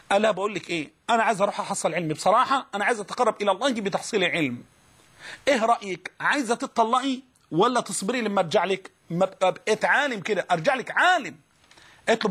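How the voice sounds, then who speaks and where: A man's voice: sits high, fairly bright tone, breathy edge. A man with an Egyptian accent giving an Islamic lesson to students, telling stories animatedly and acting out the quoted voices. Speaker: preacher.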